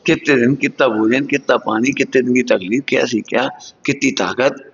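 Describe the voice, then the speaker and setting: A man giving a morning religious sermon to students, teaching with lively, acted-out scoldings and frequent chuckles. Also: normal speed, vocal fry. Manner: lively, acts out scoldings with sudden high jumps; chuckles often while teaching. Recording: echoey hall, dull lo-fi sound.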